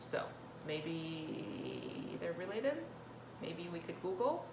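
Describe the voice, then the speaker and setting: Speaking slowly in a fairly low voice with big swings in pitch, this Thai cooking channel host chats loosely through a casual demo, frequently interrupting herself. She's in an indoor kitchen where the sound echoes widely. Clattering dishes and cutlery come through clearly in the background.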